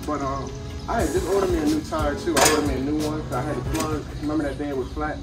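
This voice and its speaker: A man's voice: on the high side, steady tone, fast talker, loud music behind the voice. A man running a junk removal business, talking loosely to camera outdoors at a house, with lots of fillers and slang. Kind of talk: casual vlog talk to camera.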